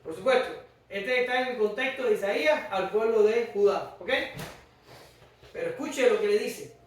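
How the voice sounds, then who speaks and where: A Cuban man with a Cuban Spanish accent preaches an emphatic sermon, often raising his voice to a shout. His voice sits very high for a man. He sounds distant from the mic in a strongly echoing church hall. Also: normal speed, a little hiss or hum. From Cuba. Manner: emphatic, shouting at times, addresses the congregation directly. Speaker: pastor.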